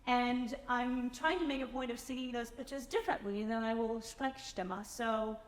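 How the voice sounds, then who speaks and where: A woman with a fairly high voice explains her vocal technique to a concert audience in an animated way. The sound is roomy, with a long reverb from the hall around her. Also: normal speed. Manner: animated, demonstrates by speaking and singing. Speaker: singer performing the speaking part.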